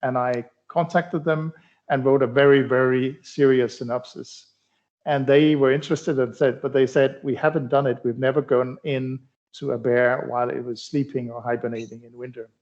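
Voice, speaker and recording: A middle-aged Danish man, a cardiology researcher whose first language is Danish, answers interview questions conversationally. He speaks haltingly in a mid-range voice with fairly even intonation, using many fillers and restarting sentences. The recording has a dull, lo-fi sound.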